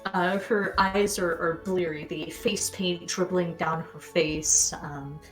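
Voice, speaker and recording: Lower-voiced woman narrating as game master. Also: fairly even intonation, faint music behind, poor audio. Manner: descriptive, unhurried narration with fillers.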